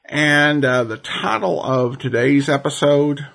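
A man with an American accent hosting a podcast, reading announcements in an informal, halting way. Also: on the high side, vocal fry, a bit bright. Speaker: podcast host.

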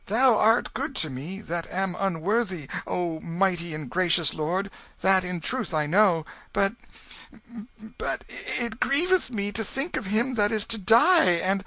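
A man's voice: sits high, expressive, unhurried, vocal fry, sharp tone, dry recording, pitched above the performer's own voice, heavily acted. A man doing a timid, pleading boy prince. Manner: timid, pleading archaic speech. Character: frightened young boy posing as a prince.

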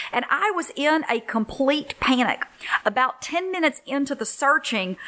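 Earnest woman hosting a podcast. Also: fairly high pitch. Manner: warm storytelling, earnest and encouraging. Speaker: podcast host, ministry leader. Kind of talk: faith-based podcast talk to single moms.

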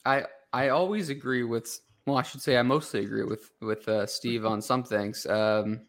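A man's voice: mid-range voice, moderate pace. A man co-hosting a sports talk show, chatting casually about football with frequent restarts and hesitations. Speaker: sports podcast co-host.

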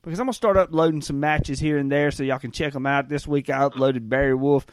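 A man's voice: mid-range voice, fairly even intonation, fast, no room sound. Male podcast host, folksy rambling storyteller, dry close sound. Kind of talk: casual podcast chat.

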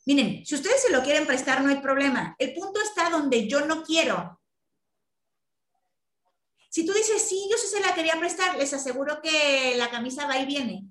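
A workshop leader runs a group talk over video call, speaking emphatically and acting out quoted lines. Her voice is high, animated and a bit bright, at a normal speed. The sound is reverberant.

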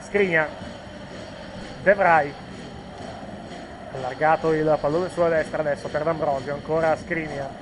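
Fairly high-voiced man commentating football, self-correcting. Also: steady tone, unhurried, pauses often, background noise. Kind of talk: informal live match commentary.

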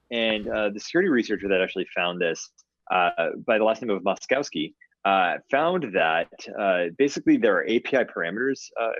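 A man's voice: lowish voice, no echo, lo-fi sound. A man with a Boston accent hosting a casual tech podcast, rambling along with many "uh" fillers and restarts. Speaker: podcast host.

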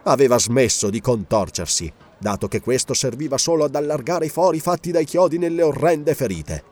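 A man narrating a dark adventure story as an audiobook, grave and expressive. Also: medium pitch, fairly quick.

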